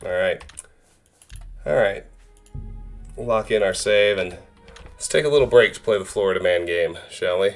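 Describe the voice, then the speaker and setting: A man's voice: low voice, moderate pace, pauses often, soft background music. A man in his thirties streaming a video game, chatting casually and joking with his viewers. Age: 30s. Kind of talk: casual live-stream chat.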